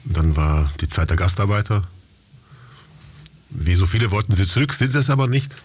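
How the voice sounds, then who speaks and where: A man from Germany, a guitarist talking about himself in a relaxed, chuckling way. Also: sits low, brisk, husky. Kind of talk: casual interview talk.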